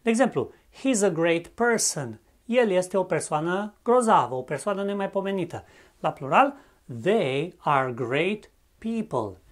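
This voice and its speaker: This is a methodical language teacher from Romania, narrating a scripted grammar lesson. The delivery is clear and patient, with each English example repeated slowly and then translated. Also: mid-range voice, expressive.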